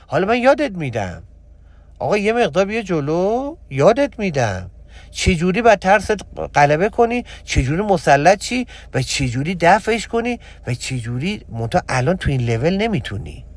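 Emphatic, lively-voiced religious teacher. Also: male voice, dry recording. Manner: emphatic, repetitive, swings between loud exhortation and low confiding tone. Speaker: spiritual teacher. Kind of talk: religious motivational talk.

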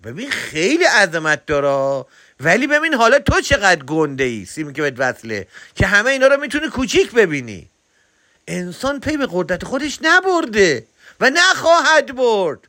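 A man giving an animated spiritual talk, exhorting and addressing the listener directly. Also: high-pitched, no echo, clean studio sound. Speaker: religious speaker.

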